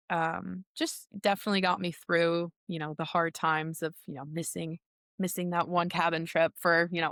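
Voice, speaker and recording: A young woman from Minnesota, a hockey player answering interview questions in a chatty, relaxed way with frequent laughs and restarts. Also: fairly low pitch, smooth, no room sound, clean studio sound. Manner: chatty, laughs often, many ums and restarts. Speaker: guest, pro hockey player. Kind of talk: casual interview talk.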